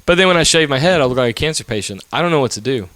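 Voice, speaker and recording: A man's voice: medium pitch, lively intonation, very fast, fairly bright tone. Man, 30s, podcast co-host; loose, teasing, swears a lot, casual chat. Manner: joking, swears freely, playful teasing.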